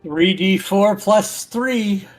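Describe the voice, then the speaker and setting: A man's voice: high voice, extremely slow, faint music behind. A man running a tabletop role-playing game, calling for rolls and narrating what happens. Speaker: game master.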